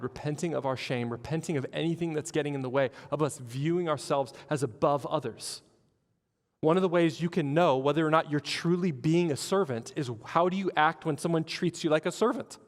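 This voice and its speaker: A man preaching a sermon as pastor, animated, acting out the people in his stories. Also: medium pitch, in a large hall. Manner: animated storytelling with acted-out quotes. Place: church hall.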